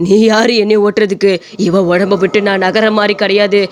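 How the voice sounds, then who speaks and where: A woman's voice: medium pitch, little pitch movement, normal speed, pitched below the performer's own voice, natural voice. A woman voicing a vengeful female ghost who has taken over a young wife's body, speaking defiantly. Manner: defiant, stubborn.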